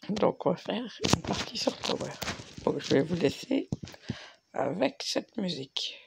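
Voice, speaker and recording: A young man commenting on his game in a sick, cracking voice with plenty of gravelly fry. His pitch moves around in a lively way as he mutters along casually. There is clear noise and clicking in the recording. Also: normal speed. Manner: frustrated swearing, muttering to himself. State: hoarse, cracking voice from being sick. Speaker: gaming video host.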